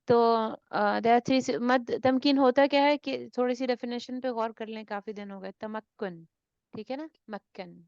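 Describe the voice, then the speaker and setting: A woman's voice: a little high, darkish tone, no room sound. A woman teaching a tajweed class, explaining rules and often checking that the students follow, mixing two languages. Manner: checks understanding with frequent tag questions. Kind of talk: online class, mixing Urdu and English. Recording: dull lo-fi sound.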